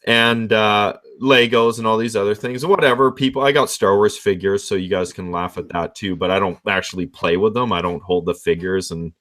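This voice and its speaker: A man's voice: lowish voice, moderate pace, hardly any pauses, a bit bright. A man telling a story in a casual, rambling, frank conversational way.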